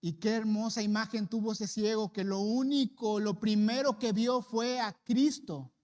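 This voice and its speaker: A man's voice: high-pitched, fairly even intonation, a little slow, a little mellow. A man with a Mexican accent preaching a sermon as a pastor, speaking earnestly and appealing directly to the congregation. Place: church sanctuary. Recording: long church-hall reverb.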